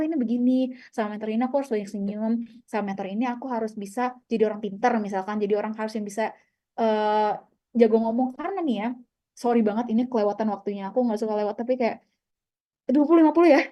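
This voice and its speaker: A young woman with a somewhat high, mellow voice talks through a casual coaching session. She is chatty, drops English phrases into her sentences and leans on everyday fillers as she explains. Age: young adult.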